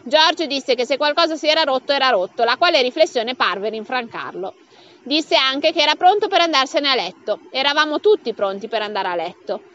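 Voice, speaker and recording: A woman reading a comic novel aloud as an audiobook, bringing the dialogue to life with raised pitch. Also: animated, a little fast, a bit bright, muffled recording. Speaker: audiobook reader.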